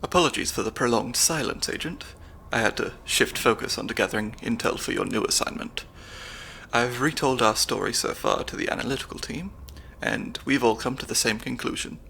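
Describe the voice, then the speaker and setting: This young man's mid-range, creaky voice comes at a brisk clip over slight background noise. He's doing an ASMR roleplay as a nerdy, somewhat nervous substitute spy handler, speaking softly with an analytical mind and dry humor.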